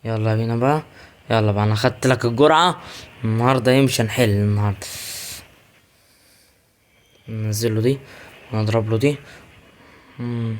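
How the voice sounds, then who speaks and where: A young man with an Egyptian Arabic accent, chatting excitedly to viewers while commenting on his own gameplay. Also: on the low side, brisk, long pauses, a little hiss or hum. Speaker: gaming YouTuber.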